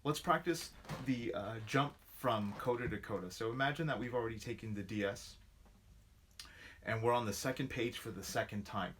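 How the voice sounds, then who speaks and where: A man's voice: medium pitch, normal speed. A man giving an online guitar lesson, patiently counting beats and calling out strum patterns. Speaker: guitar instructor. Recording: loud guitar playing under the voice.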